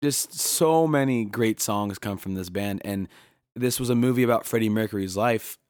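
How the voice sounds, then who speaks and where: Low-voiced young man chatting casually. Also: normal speed, no room sound, studio quality. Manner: relaxed, chatty, with frequent fillers. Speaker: podcast co-host. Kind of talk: casual chat.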